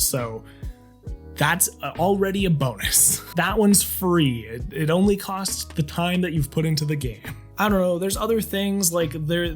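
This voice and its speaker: A young man streamer talking casually to camera from his home streaming room, rambling and self-deprecating, laughing often. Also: fairly high pitch. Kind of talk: casual vlog talk to camera.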